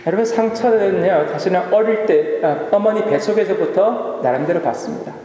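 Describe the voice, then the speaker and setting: A man's voice: sits high, moderate pace, mellow, slight background noise. A male pastor preaching a sermon in a church, often asking the congregation questions and answering them himself. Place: church sanctuary. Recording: echoey church hall with long reverb.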